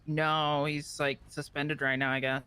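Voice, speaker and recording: A man in role-play as a bystander, answering casually with hesitations. His voice is bright, clear and slightly high. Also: flat delivery, unhurried. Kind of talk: in-character role-play chat.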